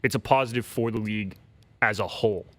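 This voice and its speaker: A man co-hosting a soccer podcast, rattling off his points quickly. He is insistent and keeps pressing his argument in easygoing chat. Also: lowish voice, a bit bright. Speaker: podcast co-host. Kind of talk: casual chat.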